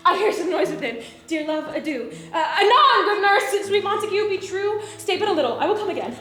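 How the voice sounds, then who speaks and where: A woman's voice: extremely high pitch, animated, a little fast, sharp tone, echoey room, soft background music, heavily acted. A woman playing a lovestruck, playful, eager young maiden in theatrical Shakespearean verse. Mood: flustered, eager. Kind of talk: theatrical Shakespearean stage acting.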